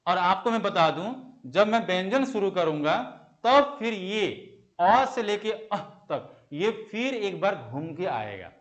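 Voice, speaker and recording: A man's voice: sits high, very animated, slow. A young man teaching an exam-prep Hindi grammar lesson. He asks the class questions, answers them himself and repeats the key terms.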